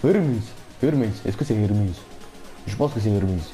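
A young man commentating his own football video game match, excitable and quick to shout and repeat himself. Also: fairly low pitch, soft background music. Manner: excitable, shouts at big moments, repeats phrases rapidly. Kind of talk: casual live gameplay commentary.

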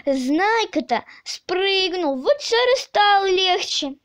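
Lady as a grumpy storybook shorty, sour and mocking, slow drawl. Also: very high-pitched, animated, fairly bright tone, no echo, studio quality, voice pushed up, full character voice. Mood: scornful. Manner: grumbling, mocking. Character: grumpy little grumbler, sour and scornful.

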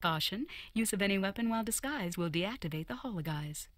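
A woman voicing a robotic shop announcer in a game, giving calm, even product instructions in a processed robot voice. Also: mid-range voice, fairly quick. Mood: instructive.

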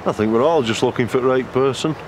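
An actor playing a wistful young man, talking in a quiet, confiding way. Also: medium pitch, quick pace, noisy background, close to an everyday voice. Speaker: young man chatting with a singer. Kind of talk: film dialogue.

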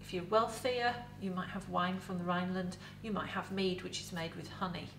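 A middle-aged woman with an English accent, a museum educator in costume, giving a lively, chatty talk to camera about food with props in an indoor set. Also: lowish voice, normal speed, gravelly, slight background noise. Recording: roomy echo, voice from a distance.

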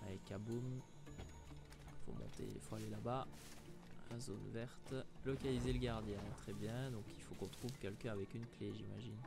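A man's voice: lowish voice, steady tone, normal speed, creaky. A man with a Liège accent commentating a video game, joking with viewers and putting on silly voices. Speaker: let's play gamer. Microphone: new microphone. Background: game music.

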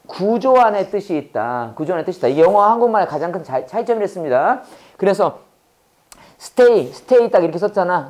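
A man's voice: high-pitched, darkish tone. Man drilling English words. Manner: drills students with repeated call-and-response questions; exaggerated pronunciation demonstrations. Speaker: English teacher. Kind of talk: Bible-based English lesson to a class.

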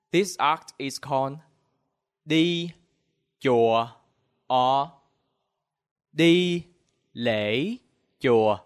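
A young man with a Southern Vietnamese accent, teaching a language lesson with deliberate word-by-word enunciation into a handheld microphone. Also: medium pitch, clean tone. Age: young adult. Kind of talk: language lesson, slow repeat-after-me drilling.

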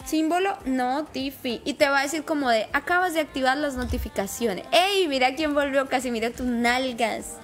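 High-voiced chatty woman streamer. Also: brisk, fairly bright tone, soft background music. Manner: chatty, affectionate, greets viewers by name. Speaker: game live streamer. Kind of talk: casual live-stream chat while playing.

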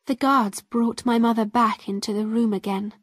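A woman narrating an easy-level story in the first person, reading slowly and carefully. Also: on the high side, fairly even intonation, no echo, studio quality. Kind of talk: slow graded-reader story narration.

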